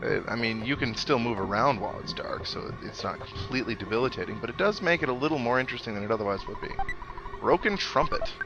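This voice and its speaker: A man with a medium-pitched, expressive voice talks fast as a let's play host, giving casual video game commentary, thinking aloud and reacting as he goes. The recording is muffled, with loud video game music playing behind him.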